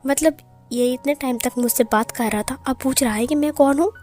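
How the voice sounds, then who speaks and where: A woman's voice: high voice, brisk, a little mellow, soft background music, lightly acted. A woman voicing a playful, lovestruck young male omega who teases cheekily. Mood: teasing. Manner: teasing, cheeky.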